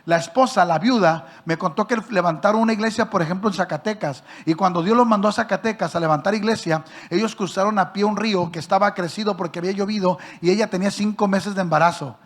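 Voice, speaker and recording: A male pastor, preaching by telling a story and questioning his listeners directly, acting out the people in it with sudden loud and soft swings. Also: high-pitched, quick pace, few pauses. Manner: acts out quoted voices with big swings in loudness. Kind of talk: sermon storytelling.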